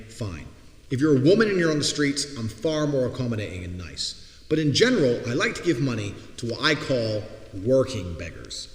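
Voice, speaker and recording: A man delivering a blunt, profane opinion monologue, mocking people and swearing freely. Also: medium pitch. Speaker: commentator. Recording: roomy hall with long reverb.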